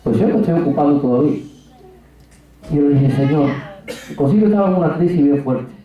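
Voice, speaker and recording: A man's voice: on the high side, lively intonation, a little fast, dull audio. A man, a pastor and missionary from Cuba, preaching a Pentecostal sermon and telling stories that act out his dialogue with God. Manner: storytelling, acting out dialogue with God. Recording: very echoey hall, far from mic.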